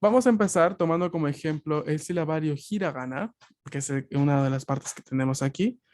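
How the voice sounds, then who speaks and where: A man's voice: fairly high pitch, a little fast, darkish tone. Patient man teaching an online class. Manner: patient, explanatory, often checks with "¿Ok?". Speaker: language teacher. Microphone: video call.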